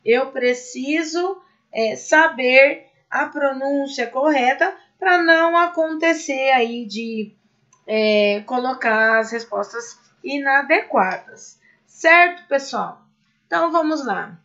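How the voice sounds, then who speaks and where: A high, bright-voiced Brazilian woman explains Spanish grammar at an unhurried pace, checking that her students follow along. She reads each example word slowly and carefully. The recording sounds a little dull and lo-fi. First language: Portuguese. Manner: explains patiently, checks in with "certo?" and "né?". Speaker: Spanish teacher. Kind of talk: recorded online class explanation.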